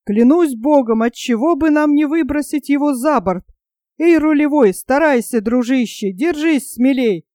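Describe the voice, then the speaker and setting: A reader voicing a bold, gruff monk who curses and shouts orders during a storm. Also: high voice, measured pace, dry recording, clean studio sound. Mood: angry. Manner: shouting, cursing, commanding.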